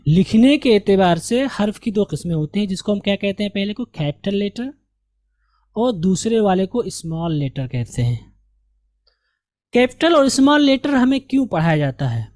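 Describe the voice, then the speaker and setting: A man's voice: sits high, darkish tone. A man teaching English letters in a patient, repetitive lesson, asking and answering his own questions. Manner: patient, repeats and asks questions to the learner. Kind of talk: slow spoken lesson.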